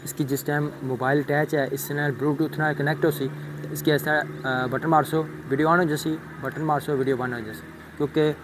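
A young man talks viewers through a helmet mount setup, his voice sitting a little high. He rambles and circles back to the same phrases. The recording is made outdoors on a phone, with faint ambient noise behind him. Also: flat delivery, normal speed. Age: young adult. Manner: rambling, repeats "thik ai" and "check karne aan". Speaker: motovlogger. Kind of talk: casual unboxing and setup demo. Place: outdoors on a rooftop, then a roadside.

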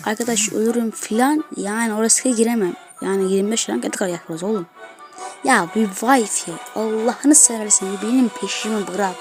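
A woman giving excitable gameplay commentary as a gaming video host, trash-talking opponents as she plays. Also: fairly high pitch. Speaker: gaming YouTuber.

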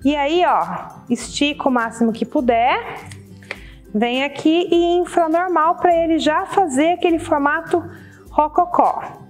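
A Brazilian woman with a high-pitched voice hosts a casual how-to. She talks chattily to the viewers and often checks that they follow. Music plays softly behind her. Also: measured pace. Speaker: balloon decoration tutorial host. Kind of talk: casual instructional demonstration to camera. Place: indoor studio set with balloon wall and table.

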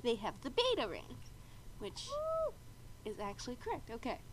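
Still congested from a bad cold, a female video game host narrates play and explains the rules in a relaxed, chatty way. Her voice is on the high side and her pace moderate, with frequent throat clearing over steady background noise.

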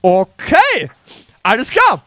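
Very high, lively young man gaming. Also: slow pace, no room sound. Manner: excitable, jokey, keeps turning to address viewers. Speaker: let's play host. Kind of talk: casual gaming roleplay commentary.

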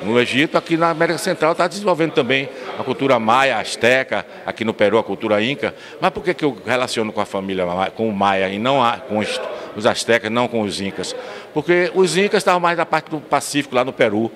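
Older man, 60s, fast and expansive storyteller, crowd noise around. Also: mid-range voice. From São Miguel das Matas, Bahia, Brazil. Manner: earnest storyteller, expansive, restarts words. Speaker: interview guest, local historian. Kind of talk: recorded interview. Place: municipal council chamber, indoors. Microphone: handheld mic held by interviewer.

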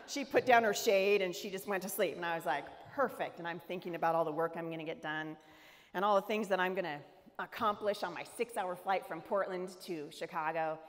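A woman's voice: on the low side, a little fast. A middle-aged American woman giving a humorous storytelling sermon, acting out the people in her story. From United States. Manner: animated, humorous storytelling with character voices. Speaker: speaker. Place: large event hall. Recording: echoey hall reverb.

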